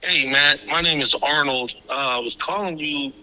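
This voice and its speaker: A man's voice: on the high side, normal speed, bright, forceful tone, low-quality recording. A man leaving a casual, hesitant voicemail for a mechanic with many fillers, heard as a phone message played back.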